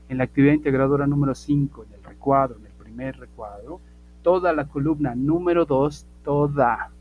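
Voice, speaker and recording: A man teaching a basic English class online, repeating points emphatically, asking "ok?" often and modeling English phrases slowly. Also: medium pitch, muffled recording. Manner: repetitive, emphatic, checks understanding with "ok?".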